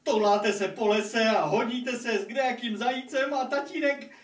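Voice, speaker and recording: A man's voice: extremely high pitch, fairly even intonation. A man voicing a lonely, fussy old king and father who grumbles and whines in a puppet fairy tale. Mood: scolding. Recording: echoey room, distant microphone, noisy.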